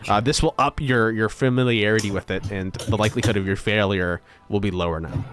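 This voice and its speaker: A man's voice: lowish voice, fairly quick, a bit bright, faint music behind. A man running a tabletop game as game master, narrating in a loose, rambling way full of ums and likes.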